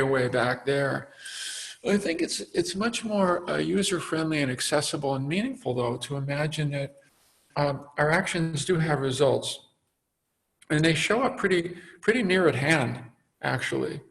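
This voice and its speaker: Guy giving a dharma talk, kinda gravelly, halting, lots of uh and you know. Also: on the high side, a bit bright, low-quality recording. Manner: halting, reflective, many fillers and restarts. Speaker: meditation teacher.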